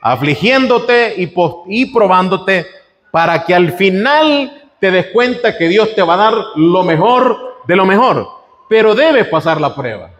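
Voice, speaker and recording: Animated male preacher in a reverberant hall. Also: high voice, a little slow. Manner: animated preaching with rhetorical questions to the congregation. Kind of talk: sermon.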